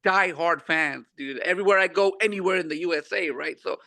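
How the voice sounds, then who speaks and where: A man guest comedian with an unexpectedly high voice, chatting casually in slang with many restarts. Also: fairly quick, vocal fry, bright, forceful tone. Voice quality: unusually high voice for his look. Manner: laid-back slangy talk, many repeats. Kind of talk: casual interview chat.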